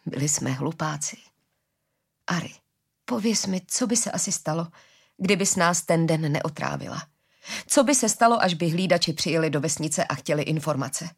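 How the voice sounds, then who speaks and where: A woman reading the lines of a gentle, forgiving father in a storybook, slowly and earnestly, with a low husky voice. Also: expressive, exaggerated voice.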